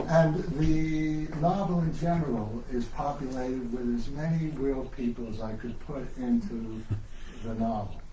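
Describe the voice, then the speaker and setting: Inside a bookstore, an author hosting a live reading gives the audience an informal, enthusiastic introduction that keeps digressing. He has a warm, medium-pitched voice at a measured pace, recorded by a distant mic in a noisy, echoey room.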